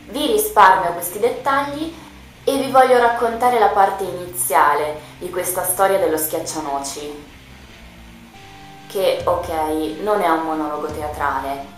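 Echoey, theatrical woman storyteller. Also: on the low side. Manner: expressive, dramatic narration with lively rises. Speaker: radio show host and storyteller. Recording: very echoey room with faint music.

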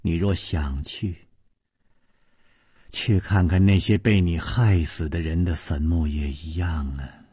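A man voicing a cold, proud young woman who turns teasing and coy, speaking low and breathy in a slow story reading. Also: fairly even intonation, dark tone, no room sound, clean studio sound, full character voice. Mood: cold, cutting.

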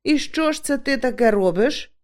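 Earnest young actor man, pitched up a touch, as a woman narrator puts him on. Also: animated, moderate pace. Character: young actor man, eager troupe member.

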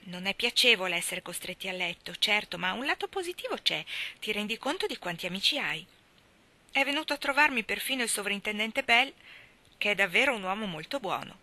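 A woman's voice: medium pitch, animated, a little fast, sharp tone. A woman voicing a talkative, imaginative orphan girl who speaks effusively and theatrically. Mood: eager.

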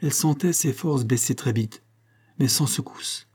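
A man reading a novel aloud as narrator, with steady, measured delivery. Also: medium pitch, slightly rough. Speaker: audiobook reader.

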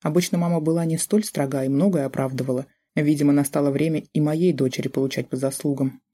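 Mellow steady audiobook narrator. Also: mid-range voice, quick pace. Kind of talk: scripted first-person novel narration.

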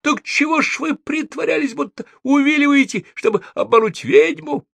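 A man's voice: very high voice, normal speed, gravelly, fairly bright tone, no echo, clean studio sound, pitched above the performer's own voice, full character voice. A man voicing a frantic young woman under a curse, squealing and panicky, in a storybook reading. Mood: shrieking.

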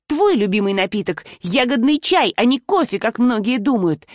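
A woman's voice: mid-range voice, very animated, darkish tone, dry recording, studio quality. A woman voicing a fiery young woman friend. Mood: indignant. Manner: emotional, indignant, quick to anger and forgive.

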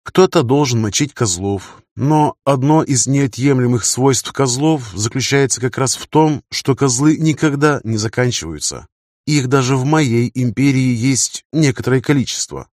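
A man voicing a calm, wise male ruler who speaks in slow, deliberate, lecturing sentences. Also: medium pitch, no echo, studio quality, lightly acted. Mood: measured.

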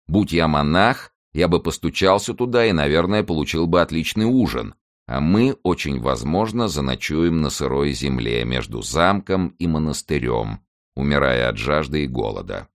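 A man's voice: a bass voice, lively intonation, normal speed. A man reading aloud and voicing a brash young musketeer officer, cocky and defiant. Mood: wry.

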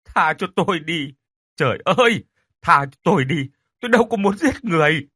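A frantic old father, wailing and pleading in a high, swinging voice that breaks into wild laughter, as a man puts him on. The tone is bright and husky, close and dry, like a spoken horror story. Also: animated, measured pace, no echo, full character voice. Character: old man gone mad with guilt, crazed.

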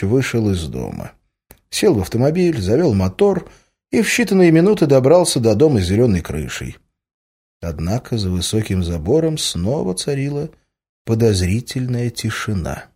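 Expressive male audiobook narrator. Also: medium pitch, moderate pace, slightly rough. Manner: expressive storytelling.

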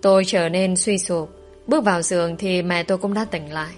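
A young woman calmly narrating a first-person story. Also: lowish voice, brisk. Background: faint background music.

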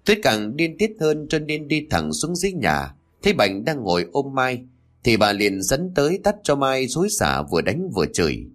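A man's voice: mid-range voice, very animated, moderate pace. Guy reading a story audiobook, dramatic, voice goes up and down a lot. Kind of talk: audiobook narration.

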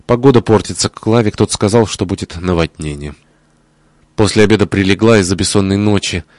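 A man reading a diary aloud in the first person, measured and expressive, on a close studio mic. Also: low-pitched, dry recording. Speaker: audiobook reader. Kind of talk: scripted narration of a diary.

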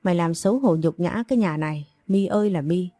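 A furious middle-aged father in an audio story heaps harsh reproach on his family, voiced by a woman reader. The tone is low, mellow and dry. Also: quick pace, no room sound, natural voice. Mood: angry scolding. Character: angry middle-aged father, shouting and scolding.

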